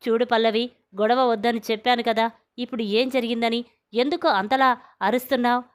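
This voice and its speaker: A woman's voice: a little high, fairly even intonation, a little fast, clean tone, close to an everyday voice. A woman voicing a stern young man who scolds others as the protective elder brother. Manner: firm, scolding.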